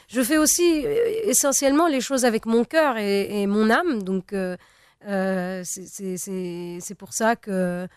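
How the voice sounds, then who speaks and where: A young Tunisian woman, a native Arabic speaker and singer, works through an interview conversation hesitantly, pausing often and restarting sentences with many fillers. Her medium-pitched voice is smooth and resonant, recorded close and dry.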